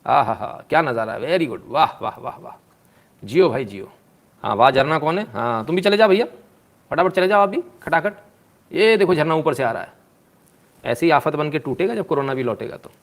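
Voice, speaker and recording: A man's voice: a little high, animated, brisk. Sarcastic man on a live stream. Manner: mocking, scolding, reading viewer comments aloud. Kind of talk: sarcastic live news commentary.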